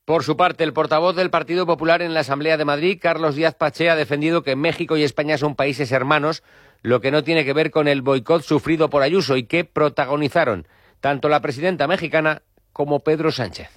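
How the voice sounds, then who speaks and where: A man anchoring a radio news bulletin with a steady, formal delivery. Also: a little high, fairly quick, dry recording, studio quality.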